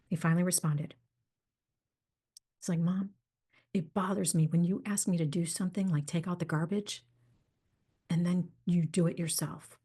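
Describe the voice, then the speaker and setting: Woman podcast host, low-ish mellow husky voice, animated storyteller. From United States. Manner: animated storytelling, acts out quoted dialogue.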